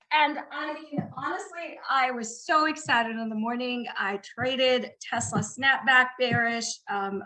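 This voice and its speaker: A woman presenting a live trading webinar, talking excitedly and quickly as she walks through her screen. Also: on the high side, roomy sound, rough recording. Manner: excitable, fast-talking, chatty. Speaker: guest trader presenting a webinar.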